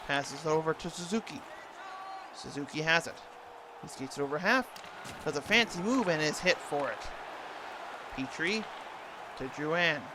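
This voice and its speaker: A man doing play-by-play hockey commentary for a video game, imitating a TV sports announcer's delivery. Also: on the high side. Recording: noisy, game sound throughout.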